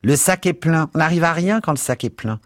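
A man putting on a high, nagging cleaning lady. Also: expressive, a little fast, no echo, studio quality, close to an everyday voice. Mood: scolding. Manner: nagging, scolding, talkative. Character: brusque chattering middle-aged cleaning woman.

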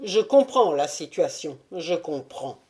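A woman's voice: sits low, sing-song, measured pace, mellow. A woman reading an audiobook voices an offended male official with strained, formal speech. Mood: wounded. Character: offended male prefect, stiff and dignified.

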